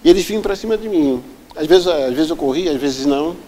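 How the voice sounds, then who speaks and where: A man's voice: a little high, expressive, a little fast, mellow, rough recording. A man being interviewed, earnestly retelling a painful personal story and acting out the people in it. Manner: earnest, vivid retelling that often acts out the people involved. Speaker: interview guest.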